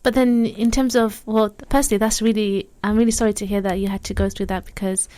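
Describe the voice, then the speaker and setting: A young woman co-hosting a community radio talk show in an easy, conversational way. She sounds reflective and encouraging, often stepping in with quick asides as she talks. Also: medium pitch, level tone, dark tone. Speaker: radio co-host. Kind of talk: casual radio chat.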